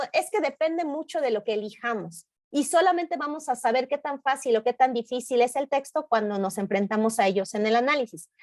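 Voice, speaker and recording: A woman teacher with a high voice gives an online poetry lesson, explaining patiently and slowing down to read verses aloud. The sound is dry and close, with no room echo, as on a video call. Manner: patient explanatory tone, reading poem lines aloud slowly.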